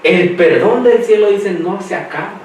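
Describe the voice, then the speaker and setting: A man preaching a sermon who quizzes the congregation and lets them finish his sentences, slowing down to read scripture aloud. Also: sits high, darkish tone, a little hiss or hum. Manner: slows down when reading scripture aloud. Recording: echoey hall, mic far off.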